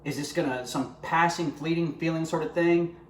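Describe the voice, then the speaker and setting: A man's voice: fairly high pitch, steady tone, moderate pace, a little hiss or hum. Earnest man giving testimony, roomy echo. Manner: earnest, conversational, addresses viewers directly. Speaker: vlogger sharing his faith. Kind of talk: personal testimony to camera. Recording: roomy echo with faint ambience.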